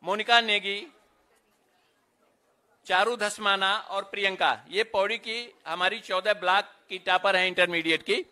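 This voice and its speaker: A man announcing students' names one by one at an award ceremony, with brief instructions to the children between names. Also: high-pitched. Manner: steady roll-call of names, brisk stage directions. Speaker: event announcer.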